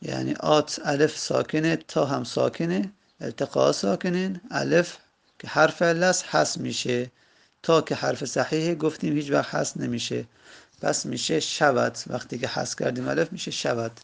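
Gravelly guy teaching grammar, kinda high voice, drags out the example words. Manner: slow, repetitive, drawing out example words. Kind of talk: Arabic grammar lesson in Persian.

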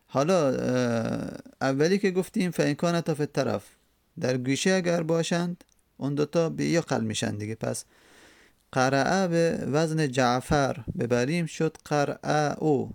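A man with a gravelly, rough-edged voice explains grammar rules in a lesson. He talks slowly and repeats examples sound by sound, often pausing with drawn-out fillers. The recording is close and dry, with no room echo. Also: on the high side. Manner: slow, repeating each example syllable by syllable; hesitant, many drawn-out fillers. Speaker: teacher. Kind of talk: explaining an Arabic grammar text.

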